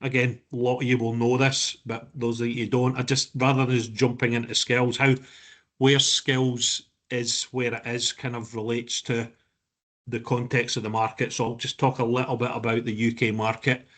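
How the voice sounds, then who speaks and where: A man's voice: mid-range voice, flat delivery, moderate pace, a bit bright. Man with a broad Scottish accent. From Scotland. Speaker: guest presenter. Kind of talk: informal webinar presentation. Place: online video call.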